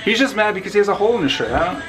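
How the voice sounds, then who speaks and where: A man's voice: high-pitched, lively intonation, rapid-fire, over loud music. A young man in casual vlog chat, teasing and offhand.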